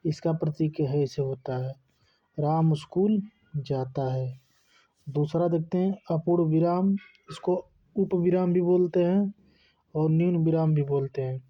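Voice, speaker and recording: A man's voice: fairly high pitch, moderate pace. A man teaching a lesson, asking questions and answering them himself. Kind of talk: classroom lesson. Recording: dull lo-fi recording.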